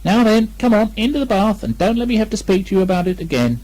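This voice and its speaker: A man voicing a brisk, motherly female kangaroo in a storybook reading, cheerful and firm. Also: high-pitched, very animated, darkish tone, voice pushed up, low-quality recording.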